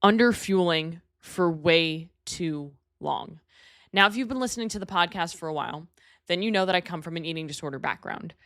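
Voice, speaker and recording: A New York woman in her thirties hosts her own solo podcast, talking candidly and chattily, poking fun at herself and filling her speech with "like." Her fairly low voice moves at a moderate pace with a fairly bright tone, recorded dry at studio quality.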